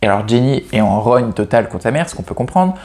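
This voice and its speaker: A man's voice: medium pitch, expressive, fast, darkish tone. A man reviewing novels in a casual, chatty way, often restarting his sentences and poking fun at himself. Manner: hesitant, frequent restarts and self-corrections; chatty and self-mocking. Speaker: book reviewer. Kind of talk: casual chat about novels.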